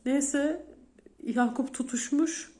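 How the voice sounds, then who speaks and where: Talking straight to her audience, a vlogger in her thirties tells the detailed, emotional story of a day that scared her. She speaks slowly, and her high-sitting voice has a somewhat dark tone.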